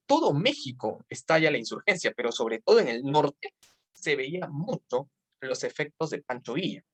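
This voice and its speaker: A Peruvian woman gives a history lesson for exam prep in a Peruvian Spanish accent. Her low voice rises and falls animatedly. She keeps it chatty, tossing in quick tag questions. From Peru. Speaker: history tutor. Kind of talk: online exam-prep lecture.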